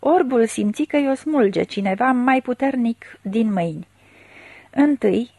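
A woman narrating a literary story aloud in a measured, dramatic reading style. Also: medium pitch, darkish tone, no room sound. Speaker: audiobook narrator.

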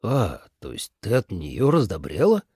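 A man's voice: fairly low pitch, wildly swooping pitch, unhurried, darkish tone, husky, no echo, clean studio sound, voice pushed down, full character voice. Blunt god of war, voiced by a man. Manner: plain, blunt questions. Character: blunt, self-assured male god of war.

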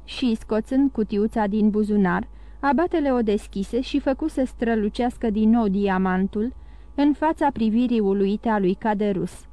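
A woman reading a classic novel aloud as an audiobook narrator, in a steady, measured way. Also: medium pitch, dry recording. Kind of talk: scripted narration.

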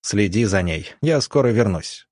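A firm young country doctor gives curt, decisive orders, voiced by a male audiobook narrator. His voice is low and husky. The recording is close and dry. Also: expressive, unhurried, a little mellow, no room sound. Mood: commanding.

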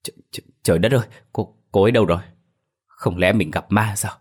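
Male narrator playing a kind young cab driver, low voice, earnest. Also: fairly quick, fairly bright tone. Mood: frightened. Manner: earnest, concerned, stammering when scared.

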